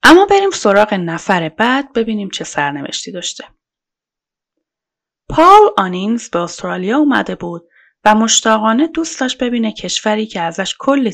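Female podcast narrator, true-crime reading, casual measured delivery, some vocal fry. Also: mid-range voice, fairly bright tone. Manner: colloquial, measured storytelling.

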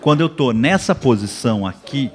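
A man's voice: medium pitch, normal speed. A man hosting a live panel, demonstrating postures and talking straight to viewers. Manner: energetic, demonstrates with gestures, addresses viewers. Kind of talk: casual live panel talk.

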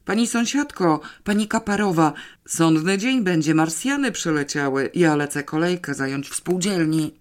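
A narrator voicing a frantic, shrill housewife. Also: animated, slow pace, few pauses, fairly bright tone. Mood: panicked. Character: panicky middle-aged housewife, shrill and frantic.

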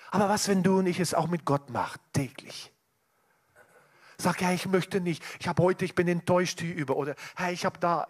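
A man with a high, husky voice preaches a sermon at a church service. He speaks earnestly and directly to the congregation, frequently starting his sentences over.

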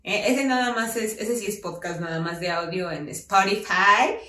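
A woman's voice: medium pitch, normal speed, sharp tone, echoey room, recorded from a distance. A Mexican woman co-hosting a podcast in casual chat, joking, laughing and using crude slang. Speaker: podcast co-host.

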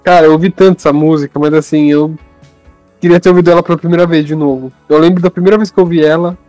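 A man's voice: a little high, fairly even intonation, fast, warm tone, no room sound, soft background music. A man with a Brazilian Portuguese accent talking casually and slangily among friends. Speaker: podcast participant.

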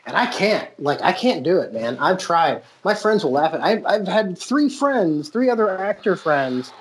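Sitting high and sing-song at a normal speed, this American man's voice carries animated stories full of "you know" fillers. He's a podcast host and playwright in a casual interview, with slight background noise.

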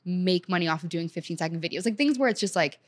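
Chatty young woman with a low voice. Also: expressive, quick pace. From Senegal. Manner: chatty, upbeat, heavy use of "like". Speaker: guest, content creator. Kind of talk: casual chat.

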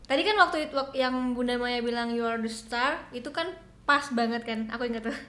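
Woman host, high voice, supportive, kinda fumbles for words, echoey room. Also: brisk, pushed and bright. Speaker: interviewer host. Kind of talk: casual interview chat.

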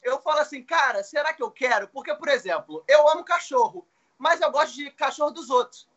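A man's voice: extremely high pitch, fairly quick, lo-fi sound. A young man, a guest actor telling a funny personal story in casual chat, acting out the voices he quotes. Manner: animated, acts out quoted voices, swears. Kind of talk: casual storytelling on a live show.

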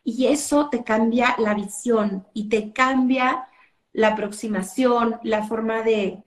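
A woman's voice: a little high, fairly even intonation, takes it slowly, roomy sound. A woman parenting educator explaining things earnestly in an interview, acting out what parents say. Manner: earnest, acts out parents' quotes.

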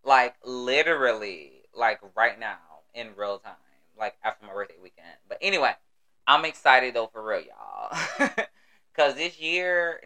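American guy doing a solo podcast, bright smooth voice, super sassy and hyped, casual slangy chat. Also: medium pitch. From United States. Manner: sassy, exuberant, heavy profanity and slang. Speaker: podcast host.

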